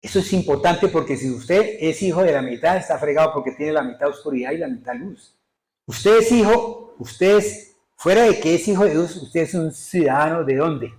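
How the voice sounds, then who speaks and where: A man's voice: on the high side, expressive, normal speed, darkish tone, roomy sound, poor audio. A male pastor preaching a sermon emphatically, often putting rhetorical questions to his congregation. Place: church.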